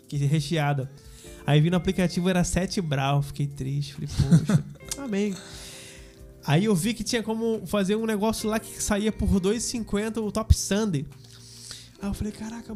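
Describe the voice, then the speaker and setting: A man's voice: sits high, dark tone. Slangy Brazilian man telling a story. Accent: Brazilian Portuguese. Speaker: podcast guest. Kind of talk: casual testimony chat.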